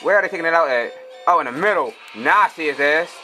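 A man's voice: a little high, fast talker, faint music behind. A young man, trash-talking his teammates while commenting on his own gameplay. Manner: excitable, profane trash talk. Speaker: gamer.

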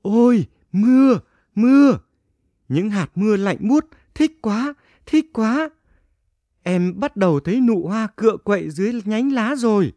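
An excitable, friendly little bean plant from a children's storybook, acted out by a man. The voice is high and very lively, eagerly repeating itself. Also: measured pace, no echo. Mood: delighted. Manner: exclamatory, repeats phrases eagerly.

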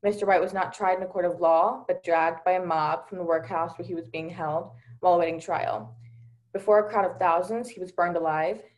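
Her voice sits on the low side, steady and brisk, though the recording is low quality. She's a young woman from Delaware, USA, serving as a panelist and giving an earnest personal account on a virtual panel by video call, with many fillers such as "um" and "you know."

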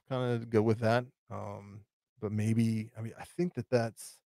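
Gravelly low-voiced man rambling casually. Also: dark tone, no room sound, clean studio sound. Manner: rambling, answers chat questions with frequent fillers and restarts. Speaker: tarantula channel host. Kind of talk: casual live stream chat.

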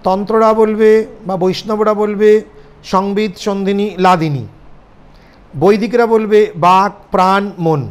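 This seminar teacher, a man with a Bengali accent, lectures students in a high, steady, resonant voice that is clear and a little slow. He explains ideas and frequently checks that his listeners are following.

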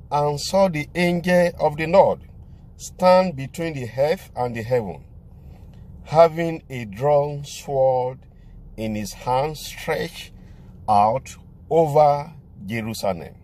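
A man's voice: on the high side, expressive, takes it slowly, a little mellow. A man, a pastor preaching and praying with emphatic, repeated declarations, recorded on a phone inside a car. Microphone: phone camera at arm's length.

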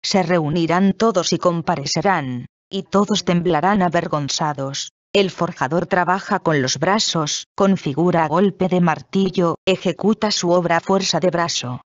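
A reader giving a measured, solemn scripted reading of a Bible passage. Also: mid-range voice, dry recording, highs cut off.

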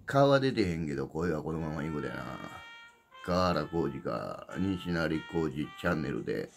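A man's voice: extremely low pitch, animated, normal speed, vocal fry. A man with a Kansai accent, casually announcing his upcoming livestream in a blunt, rambling way that repeats itself. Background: background music.

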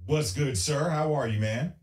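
A man's voice: on the high side, moderate pace. A man calling into a live online talk show, giving a loose, friendly greeting. His voice is picked up through a speaker instead of his mic, so it sounds boxy like an old radio. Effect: voice coming through a speaker instead of the mic, boxy and echoey like an old radio. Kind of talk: casual chat. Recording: echoey, re-recorded from a speaker.

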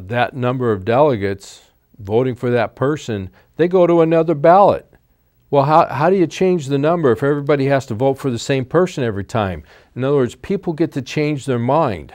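A man's voice: mid-range voice, darkish tone, no echo, clean studio sound. A man hosting a political talk show, explaining step by step in a monologue and checking in with frequent "okay?"s. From United States.

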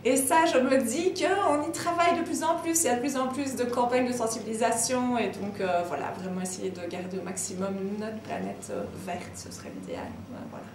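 A woman's voice: a little high, brisk, few pauses, background noise. Middle-aged woman interviewee, enthusiastic; roomy, distant sound. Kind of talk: casual interview answers. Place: small room with brick wall. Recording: echoey room, mic at a distance.

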